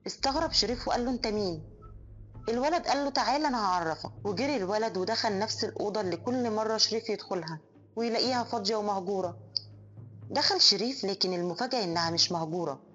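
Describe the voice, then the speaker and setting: A woman with an Egyptian accent narrating a horror story in a brisk, suspenseful storytelling manner. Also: medium pitch, a bit bright. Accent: Egyptian Arabic. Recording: dull lo-fi audio. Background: faint music.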